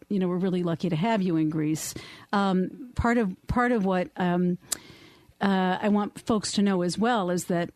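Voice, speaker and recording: A woman's voice: fairly low pitch, warm tone, no room sound. A woman hosting a radio interview in a studio, chatty, with many fillers and restarts. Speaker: radio talk show host. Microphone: studio microphone.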